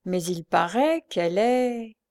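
A woman's voice: mid-range voice, expressive, a little mellow. A woman reading aloud and voicing a sly male police agent who teases and drags things out. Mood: teasing. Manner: teasing, unhurried, mocking.

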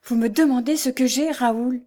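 A woman's voice: on the high side, steady tone, moderate pace, darkish tone, close to an everyday voice. A woman reading aloud, voicing a distraught young wife who speaks with trembling, bitter reproach.

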